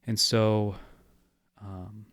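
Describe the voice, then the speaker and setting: Low, flat-voiced young man. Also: extremely slow, no room sound, clean studio sound. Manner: reflective, steady, explanatory. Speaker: guest. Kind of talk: casual interview talk.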